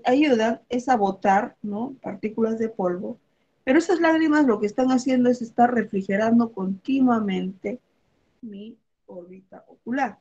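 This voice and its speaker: Woman, biology teacher, gravelly fry, muffled lo-fi sound; keeps asking "ok?" between points. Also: fairly high pitch, darkish tone. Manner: explains with everyday examples, checks in with "¿ok?" and "¿ya?". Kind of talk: online review lesson.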